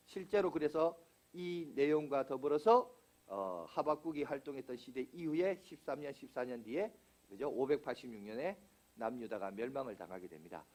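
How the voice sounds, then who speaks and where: Middle-aged male pastor, lively sermon delivery, slightly high voice, heavy on rhetorical questions. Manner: animated preaching, rhetorical questions, acts out prayers in quotes. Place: church sanctuary.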